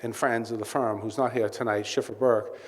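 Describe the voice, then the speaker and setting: A man's voice: medium pitch, little pitch movement, a little fast. A man giving a welcome speech as CEO at a client event, telling candid anecdotes with many asides. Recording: reverberant hall with faint ambient noise.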